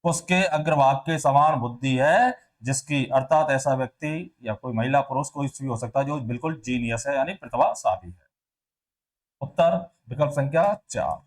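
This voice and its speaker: A male teacher goes over test answers at a moderate pace in a medium-pitched voice. He asks questions and answers them himself, and to demonstrate pronunciation he repeats sounds and words.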